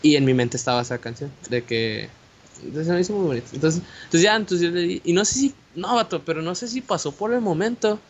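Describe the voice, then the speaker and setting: A young man with a Mexican Spanish accent tells a story in a loose, animated way, full of slang and restarts. His voice sits a little high. The recording is dull and lo-fi, with a faint hiss underneath. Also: fast. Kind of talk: casual storytelling chat.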